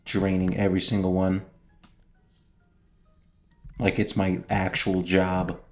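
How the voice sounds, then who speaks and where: A young man giving casual, slangy gameplay commentary, joking and reacting out loud as he plays. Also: low-pitched, completely flat delivery, takes it slowly, faint music behind. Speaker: gaming streamer.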